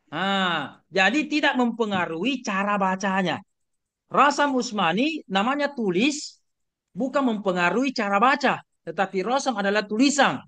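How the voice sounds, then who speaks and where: A middle-aged Indonesian-accented man lectures an online class, his voice pitched high and bright. He keeps questioning his students and circles back over the same points, filling the gaps with short fillers, all heard through a video call. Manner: questioning, repetitive teaching with many fillers.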